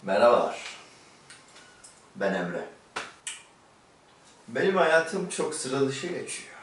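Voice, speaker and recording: A man acting out a restless, crude young man ranting to the camera, his pitch swinging wildly from line to line. He sounds roomy and set back from the mic, with a faint hiss behind him. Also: big pitch swings, takes it slowly. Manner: crude, exasperated rant to camera. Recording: roomy and distant with faint noise.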